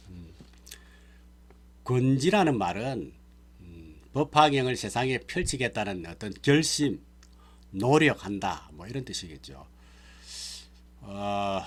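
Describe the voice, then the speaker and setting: Man of middle pitch as a monk teaching a sutra class; patient, term-by-term explanation. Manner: explains terms one by one, checks with listeners. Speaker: Buddhist monk lecturer. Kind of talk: sutra lecture.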